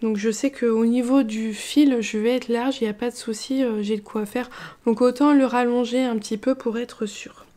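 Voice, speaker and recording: A relaxed woman talks through her knitting in a chatty vlog. Her voice is mellow and somewhat high, and she meanders with fillers and restarts in an easy, unhurried way. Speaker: knitting vlogger. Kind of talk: casual chat.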